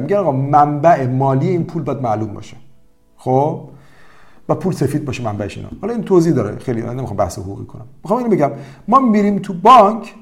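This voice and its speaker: Brief: energetic male language tutor, fairly high, very lively voice, faint music underneath. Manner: animated, lively storytelling with quoted voices. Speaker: language teacher. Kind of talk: promotional language-learning talk.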